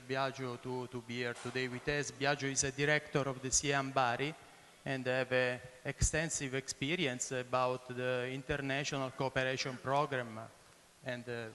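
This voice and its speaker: A man introduces conference speakers as session chair, in hesitant, halting English. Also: medium pitch, fairly bright tone. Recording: hissy, reverberant hall sound.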